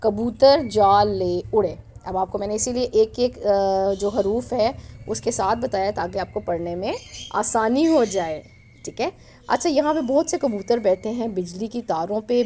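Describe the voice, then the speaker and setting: Patient woman teacher, mellow voice. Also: mid-range voice, slight background noise. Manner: patient, spells out letters slowly, asks questions. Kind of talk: reading a story aloud to young children.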